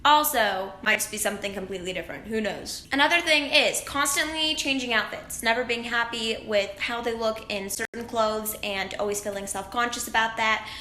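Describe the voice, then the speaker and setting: A woman's voice: on the high side, brisk, hardly any pauses, pushed and bright. A teenage woman talking to her camera at home in a chatty, rambling, upbeat way as a vlogger. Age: late teens. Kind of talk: casual talk to camera. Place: room at home, echoey. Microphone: camera mic. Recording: echoey room, faint background noise.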